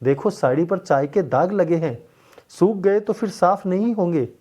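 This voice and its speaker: A man's voice: high-pitched, expressive, moderate pace, dark tone. A man voicing a stern older mother-in-law who scolds her daughter-in-law, in a storybook tale. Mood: gentle.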